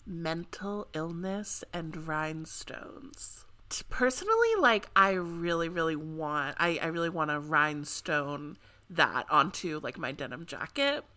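A young woman co-hosts a casual podcast with a sharp, bright tone. She talks in an excitable, chatty way and laughs easily. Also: low voice, moderate pace. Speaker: podcast co-host. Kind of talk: casual chat.

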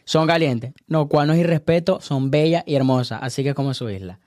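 An animated man lectures on dating in a casual podcast chat, laughing often. His voice sits fairly high. It is recorded dry and close, with no room sound. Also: brisk, dry recording. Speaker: dating advice guest.

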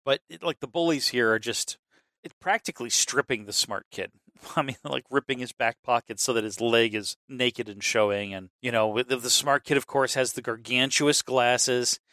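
A man's voice: medium pitch, moderate pace, no room sound. Rambling, profane man in casual chat. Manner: rambling, profane, animated storytelling. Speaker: podcast co-host.

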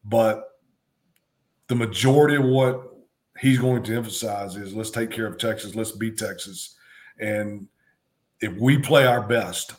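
A middle-aged man, a former football coach, co-hosting a sports talk show, talking in a halting way with many ums and restarts. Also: medium pitch.

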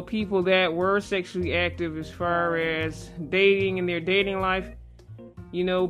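Woman host speaking through a face mask. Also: lowish voice. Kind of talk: casual conversational interview. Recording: music playing behind the voice. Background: guitar music.

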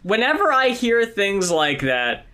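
Laid back podcast guy, high voice, bright, just listens to the songs, laughs it off. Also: sing-song, measured pace. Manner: easygoing, laughing, casual swearing. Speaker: album review podcast co-host. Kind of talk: casual chat.

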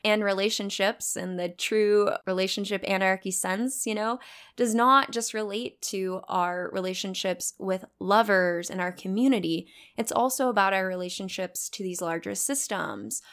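A woman's voice: mid-range voice, moderate pace, a bit bright. A woman hosting a podcast, speaking earnestly and affirming her guest in a casual interview. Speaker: podcast host.

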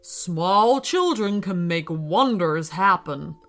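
A woman voicing a wise gorilla and a vain lion in a storybook, in a slightly lower, measured voice. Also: expressive, fairly bright tone, soft background music, heavily acted. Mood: calm, wise.

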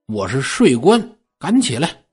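Man putting on a bossy imperial tax official, raised, brash voice, husky, lively pitch, storytelling. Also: measured pace, soft background music, exaggerated voice. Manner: loud, swaggering, ordering people about. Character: brash, bossy Qing-era male tax collector.

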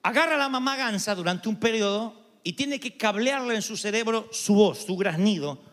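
Argentine male pastor, high voice, lively sermon delivery with playful imitations, big echoing hall. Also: moderate pace. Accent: Argentine Spanish. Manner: animated, imitates voices and goose honks for humor. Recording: long hall reverb.

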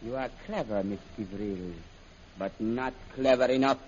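An actor playing a cruel, commanding prince with a formal, threatening manner in a 1930s radio serial. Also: male voice, medium pitch, normal speed, darkish tone, close to an everyday voice. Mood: menacing. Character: imperious, menacing villain prince, cruel captor. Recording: muffled, noisy old radio recording.

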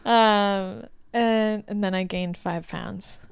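Smooth-voiced woman in her twenties, chatty. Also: medium pitch, slow, no echo, studio quality. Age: 20s. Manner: chatty, rambling, quotes herself in lively asides. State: heavily pregnant. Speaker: podcast co-host. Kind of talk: casual chat.

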